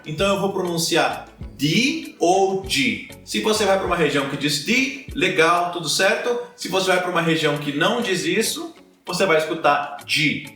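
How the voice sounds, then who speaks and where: Brazilian man, young, language teacher, repeats example words slowly, roomy echo, a bit off-mic. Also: high voice, animated, bright, forceful tone, recorded from a distance, soft background music. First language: Portuguese. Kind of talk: teaching pronunciation.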